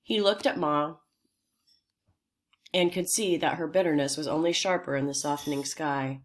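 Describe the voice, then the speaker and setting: Low-voiced woman reading a children's book. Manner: steady, unhurried storytelling. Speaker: audiobook reader. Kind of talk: reading a children's novel aloud.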